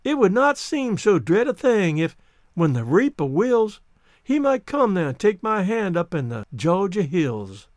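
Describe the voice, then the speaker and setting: A male narrator voicing a genteel, dreamy elderly lady poetess who speaks slowly and lilts through her verse. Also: mid-range voice, very animated, a little mellow, no echo, clean studio sound, voice pushed up. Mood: reciting verse. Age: older. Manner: wistful, poetic, slow and lilting.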